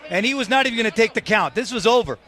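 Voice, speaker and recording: Rapid-fire and high-voiced, a play-by-play commentator calls a live boxing match in dramatic, emphatic phrases, with a loud arena crowd roaring behind him.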